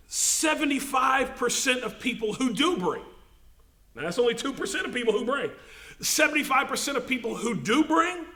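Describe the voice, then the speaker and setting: Impassioned preacher in an echoey sanctuary. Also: male voice, high-pitched, pushed and bright. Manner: preaching with rising, emphatic swells and slow, stressed repetition. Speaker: pastor. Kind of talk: sermon. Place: church sanctuary.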